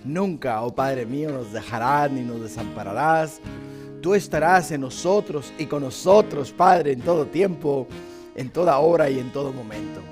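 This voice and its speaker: A man with a hoarse, croaky frog voice preaching and praying as a pastor, using emphatic repetition and questions to his congregation. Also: medium pitch, lively intonation, normal speed, faint music behind. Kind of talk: sermon with prayer and scripture reading.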